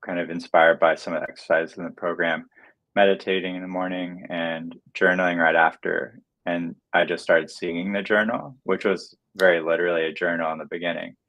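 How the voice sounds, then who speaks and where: A man, a musician guest on a livestream interview over a video call, speaking softly and hesitantly with many fillers. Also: deep voice, level tone, fairly quick, creaky, highs cut off.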